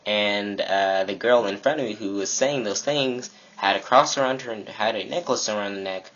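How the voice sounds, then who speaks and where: A man's voice: fairly low pitch, moderate pace. A teenage boy preaching earnestly to camera about faith, acting out what his classmates say. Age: teens. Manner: earnest, animated, acts out quoted classmates. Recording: dull lo-fi webcam audio.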